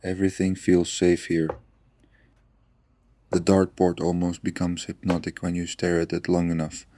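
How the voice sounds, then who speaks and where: A man speaking softly and soothingly in a slow, gentle ASMR relaxation and storytelling style. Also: low voice, monotone, slight background noise. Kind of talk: soft-spoken ASMR guided relaxation and storytelling.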